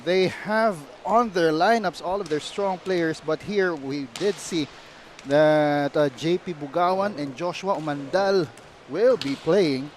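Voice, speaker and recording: A man's voice: fairly high pitch, slow, slight background noise. A man with a Filipino accent hosting live sports commentary as a play-by-play broadcaster.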